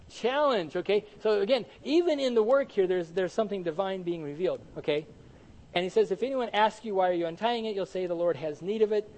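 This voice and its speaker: A man preaching a Bible study sermon, animated and conversational, often asking the congregation questions and answering them himself. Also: sits high, a little fast, low-quality recording. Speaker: pastor teaching Bible study.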